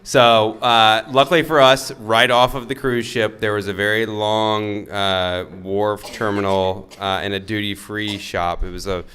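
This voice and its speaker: A man's voice: lowish voice, a little slow, few pauses. A young man, the groom's brother, telling a funny story in a wedding toast and laughing along as he goes. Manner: animated storyteller who laughs through his lines.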